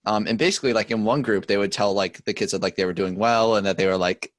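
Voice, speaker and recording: A man's voice: lowish voice, fairly even intonation, quick pace, dry recording. A young man co-hosting a podcast, telling a story in casual chat with lots of fillers and cursing. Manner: rambling storyteller with filler words and profanity. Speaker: podcast co-host.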